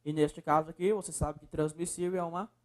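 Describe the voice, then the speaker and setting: A man's voice: on the high side, flat delivery, fast, a little mellow. Brief: Brazilian male teacher, coaxing, breaks words into syllables. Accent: Brazilian Portuguese. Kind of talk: video lesson.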